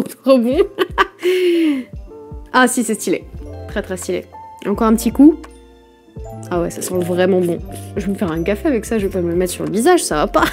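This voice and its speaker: A young woman in a casual unboxing vlog, enthusiastic and quick to giggle. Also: on the high side, mellow. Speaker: vlogger.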